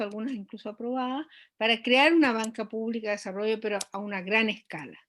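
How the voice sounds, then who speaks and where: A woman economist speaking as an interview guest, explaining at length with frequent hesitations and restarts. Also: fairly high pitch. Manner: measured, many hesitations and restarts.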